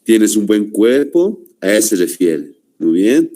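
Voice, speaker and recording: A man with a Bolivian Spanish accent lecturing a class, halting with fillers and constant "¿no?" tags. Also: fairly low pitch, very animated, warm tone. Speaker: teacher.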